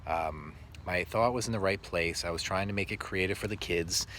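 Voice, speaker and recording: A male teacher telling reflective stories about his work in an earnest, halting way with many pauses. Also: deep voice, a bit bright, a little hiss or hum. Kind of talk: reflective storytelling monologue.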